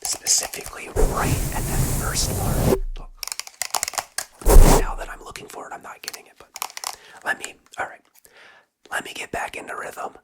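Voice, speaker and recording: A person whispering in a casual, rambling fast aggressive ASMR style, breathy and unvoiced, close to a sensitive microphone. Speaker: ASMR content creator, host.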